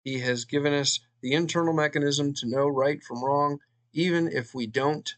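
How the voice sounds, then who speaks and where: A man's voice: on the high side, steady tone. Earnest man reading a book aloud. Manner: earnest, pauses with fillers between read passages. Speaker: channel host reading a book.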